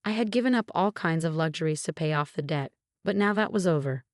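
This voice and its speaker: A woman narrating a first-person story in a calm, even, scripted way. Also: sits low, fairly quick, dry recording, studio quality.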